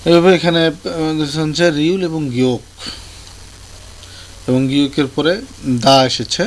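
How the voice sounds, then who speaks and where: A man explaining a language lesson in a tutorial, pausing often with fillers and restarting his sentences. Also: on the high side, fairly even intonation. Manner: hesitant, many fillers and restarts. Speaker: language teacher. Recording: faint background noise.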